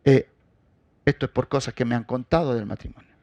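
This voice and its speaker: A man preaching a sermon as pastor. He addresses the congregation directly and swings between loud, forceful emphasis and quiet asides. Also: medium pitch, a little fast, dry recording.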